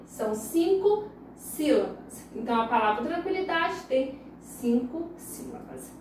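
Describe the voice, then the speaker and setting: Her voice high, expressive, a little slow and darkish, a primary school teacher with a Brazilian Portuguese accent patiently breaks words into syllables for young children in a recorded lesson. She is far from the mic in a very echoey room, with a little hiss or hum.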